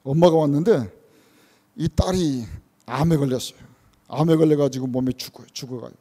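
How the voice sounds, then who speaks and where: A man with a notably high voice delivers an earnest sermon as a church elder. He drives his points home with strings of rhetorical questions and plays out what parents say to their children. His voice rings with the long reverb of a church hall. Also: a little fast, warm tone. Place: church sanctuary.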